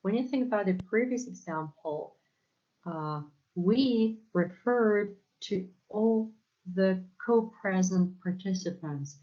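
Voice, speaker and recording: In a muffled recording, a woman with a mid-range voice speaks slowly, her Polish accent reflecting her first language. Giving a conference lecture, she hesitates often, restarting and repeating words amid many fillers.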